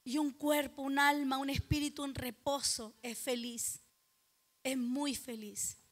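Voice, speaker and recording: A Chilean woman preaching a sermon at a church service. She is dramatic, questions the congregation directly, and builds to loud, emphatic exhortation. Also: sits high, flat delivery, measured pace.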